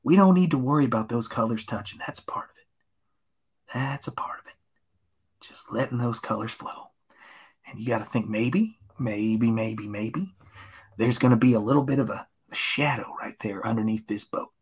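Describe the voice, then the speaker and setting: A man from Tennessee giving a gentle, encouraging painting lesson on a live stream, often dropping to a hushed whisper. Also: mid-range voice, moderate pace, breathy edge. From Tennessee, USA. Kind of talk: soothing painting-show patter, live stream.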